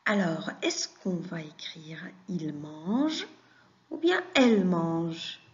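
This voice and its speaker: A woman teaches very young pupils at an unhurried, deliberate pace, stretching out every word and pausing for answers. Her questions and quick praise come in a patient classroom manner. The sound is dull and a little lo-fi. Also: fairly low pitch, expressive. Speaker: French teacher. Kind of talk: classroom lesson for young children.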